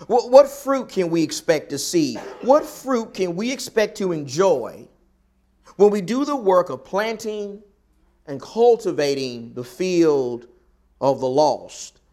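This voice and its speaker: Southern us guy preaching a sermon, kinda high voice, repeats lines and pauses to drive them home. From American South. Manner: rhetorical repetition with emphatic pauses.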